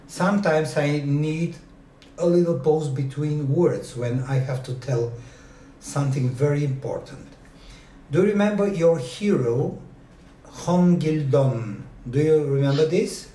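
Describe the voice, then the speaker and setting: A man lecturing a university class, speaking slowly and deliberately with many pauses and fillers. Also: on the high side, warm tone, echoey room, far from the mic, a little hiss or hum.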